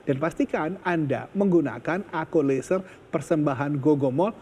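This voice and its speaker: A man presenting an infomercial, delivering a persuasive sales pitch straight to viewers. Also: normal speed, darkish tone, big-room sound, a little hiss or hum. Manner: persuasive, urging viewers to call.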